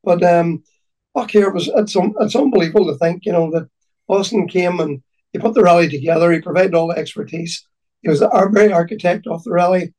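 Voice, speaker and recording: A man with a Donegal Irish accent reminiscing in conversation, haltingly and often repeating his words. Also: sits high, darkish tone, distant mic, rough recording. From County Donegal, Ireland.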